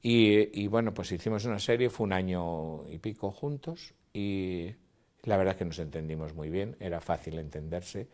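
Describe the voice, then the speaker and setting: A man's voice: low-pitched, normal speed, a little mellow. An older man, a cinematographer telling stories in an interview, acting out dialogue and sounds. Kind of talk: interview reminiscence.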